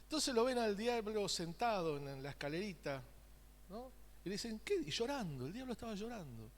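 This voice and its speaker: Pastor guy preaching, pretty high voice, asks the crowd stuff, big echoey church. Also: big pitch swings, fairly quick. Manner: preaching with call-and-response questions to the congregation; joking, conversational asides. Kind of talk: sermon. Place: church sanctuary.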